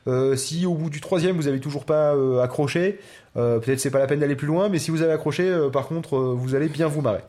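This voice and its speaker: A man co-hosting a podcast in relaxed casual chat, hesitating with many fillers. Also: on the high side, fast talker. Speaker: podcast co-host.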